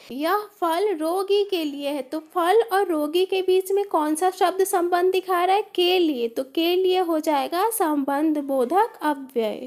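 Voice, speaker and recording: Female grammar teacher, very high pitch, classroom lesson style, leads with questions and answers them herself. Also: darkish tone. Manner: often calls on listeners to look.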